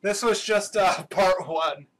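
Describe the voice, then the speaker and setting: A young man with a high, light voice talks loosely over his gameplay, swearing freely and breaking into excited outbursts. His pace is unhurried, and the sound comes through a webcam microphone rather than a proper mic. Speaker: gaming channel host. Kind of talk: casual gameplay commentary.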